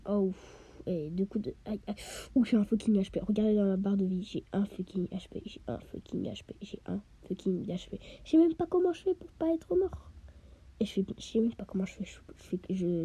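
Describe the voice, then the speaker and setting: This gamer talks her way through a let's play in a warm, medium-pitched voice with a breathy edge. She sounds a bit stuffy from a cold, frequently lowering to a half-whisper and tossing out quick asides.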